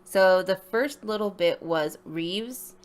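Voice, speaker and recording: A woman's voice: mid-range voice, slow pace. A woman with a slight lisp giving a casual, rambling voice-over for an art video, with informal apologetic asides.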